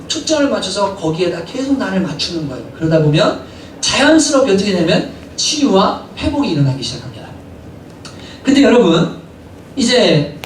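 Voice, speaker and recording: A male pastor preaching a sermon in a church, animated and often asking the congregation questions. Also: extremely high pitch, slight background noise. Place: church sanctuary. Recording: echoey hall from a distant mic.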